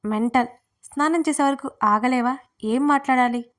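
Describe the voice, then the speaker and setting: A woman's voice: high voice, normal speed, a bit bright. Woman doing an irritable, snapping young husband. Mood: irritated.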